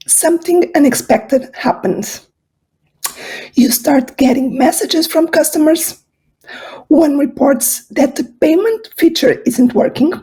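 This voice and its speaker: A woman with a hoarse voice, having lost it the day before, giving an earnest conference talk as a speaker. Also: high voice, warm tone. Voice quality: husky. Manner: earnest, storytelling. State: hoarse, losing her voice.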